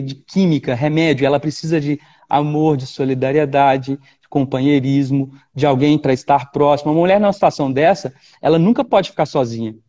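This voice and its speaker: Animated Brazilian man, high and mellow. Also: dull audio. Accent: Brazilian Portuguese. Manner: animated storyteller, frequent repetitions and restarts. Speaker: defense lawyer, guest. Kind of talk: storytelling interview.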